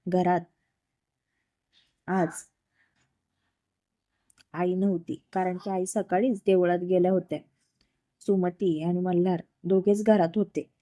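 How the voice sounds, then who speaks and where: A woman storyteller reading a romance story aloud in an even, unhurried way. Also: lowish voice, dry recording.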